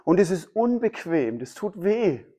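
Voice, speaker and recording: A man's voice: high voice, very animated, a little slow, warm tone. A man preaching a sermon, emphatic and fond of repeating his key phrases. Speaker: pastor.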